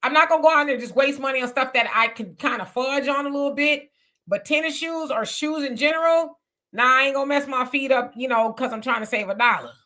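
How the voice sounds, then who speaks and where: A woman's voice: sits high, quick pace, bright, forceful tone. Chatty woman in her fifties. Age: 50s. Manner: chatty, reads comments aloud with fillers. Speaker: livestream co-host reading viewer comments. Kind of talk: casual livestream chat.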